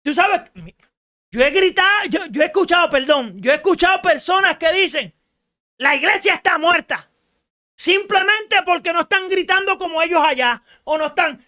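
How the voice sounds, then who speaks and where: Emphatic, bright-voiced woman radio preacher. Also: very high voice, expressive, normal speed. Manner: emphatic preaching, rises to shouts, rhetorical questions. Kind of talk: radio sermon.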